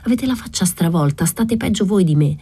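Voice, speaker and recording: A woman's voice: on the low side, expressive, brisk, warm tone, husky. A woman voicing a wounded nobleman soldier, impatient and ironic, giving curt, dry replies.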